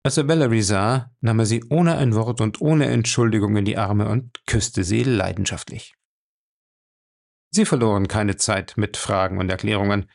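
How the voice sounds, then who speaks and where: Gravelly man reading an audiobook. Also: fairly low pitch. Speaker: narrator.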